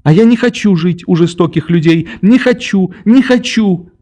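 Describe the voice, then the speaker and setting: A man voicing a fierce, tearful little orphan girl in an audiobook, with shrill, defiant, sobbing outbursts. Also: normal speed, dark tone.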